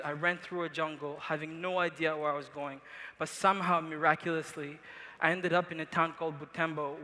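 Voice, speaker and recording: A man's voice: a little high, bright, forceful tone, a little hiss or hum. A young man from Congo giving an earnest motivational speech to a large live audience. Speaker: event speaker. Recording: reverberant large arena.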